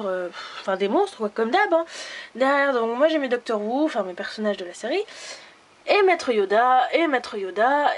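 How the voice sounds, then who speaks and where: A woman's voice: on the high side, slight background noise. A young woman from France casually showing her room, chatty and self-mocking with lots of fillers. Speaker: vlogger giving a room tour. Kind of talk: casual room tour narration. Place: bedroom at home, indoors.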